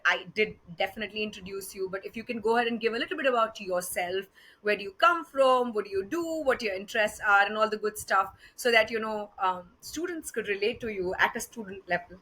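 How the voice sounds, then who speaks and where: A woman's voice: medium pitch, brisk, pushed and bright. A woman with an Indian accent hosting a podcast interview in a conversational, effusive and encouraging way. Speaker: podcast host.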